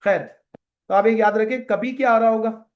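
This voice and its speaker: Animated high-voiced male lecturer. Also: moderate pace. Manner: animated, rhetorical questions, mixes English terms into Urdu. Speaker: accounting lecturer. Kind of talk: classroom lecture with side rant.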